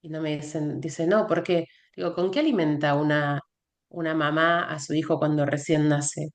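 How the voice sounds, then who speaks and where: Argentine woman telling a lively story. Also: low-pitched, normal speed. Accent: Argentine Spanish. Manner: animated anecdote-telling, acts out quoted dialogue. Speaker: guest, functional biochemist. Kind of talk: casual conversation, storytelling.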